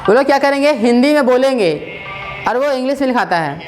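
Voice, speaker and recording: A woman's voice: high-pitched, lively intonation, fairly quick, darkish tone, faint music behind. A woman teaching a spoken English class in a casual, repetitive way, often checking with her listeners and mixing English words into her talk.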